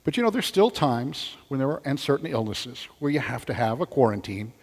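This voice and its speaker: Older guy preaching in church, bit husky, big cathedral echo on it. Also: medium pitch, very animated, brisk. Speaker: deacon giving gospel reading and homily. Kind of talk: liturgical reading and conversational homily. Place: large church, over a PA.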